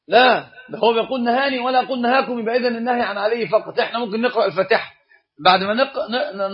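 A man teaches a religious lesson at a brisk clip, his voice sitting high for a man. He keeps the class engaged by posing questions and answering them himself. The recording sounds dull and lo-fi. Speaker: Islamic scholar teaching a course.

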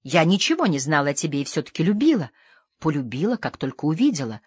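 A feverish, tormented lady lost in opium dreams, as a woman reader puts her on. She pleads and yearns in a low voice, swinging between hushed murmurs and sudden outbursts. The audiobook reading sounds close and dry. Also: big pitch swings, quick pace, slightly rough, no echo, full character voice. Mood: reproachful.

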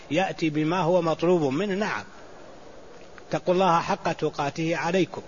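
Man, sheikh commentary, slow explanations, repeated words, dull recording, light hiss. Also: a little high. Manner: explains slowly, repeating words and restarting phrases. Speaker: sheikh teaching a book. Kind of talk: classical Islamic lesson commentary. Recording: muffled lo-fi recording with faint hiss.

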